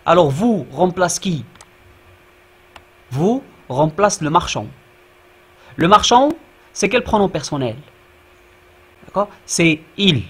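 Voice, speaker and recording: A man teaching a grammar lesson in class, speaking slowly, repeating himself and checking with the students. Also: high voice, very animated, a bit bright, husky. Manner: slow, repeats and checks with "d'accord?".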